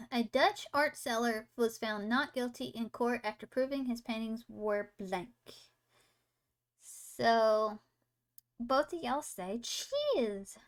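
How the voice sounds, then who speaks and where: A young woman hosting a casual livestream, chatting with viewers and reading trivia aloud before riffing on it. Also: fairly high pitch. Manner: chatty, reads trivia aloud then riffs on it, sounds words out. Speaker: livestream host.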